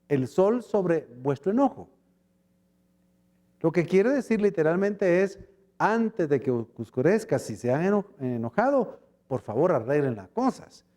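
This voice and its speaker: A man with a Guatemalan accent preaching a sermon as pastor, acting out short dialogues as he goes. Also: on the high side. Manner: animated preaching, acts out little dialogues.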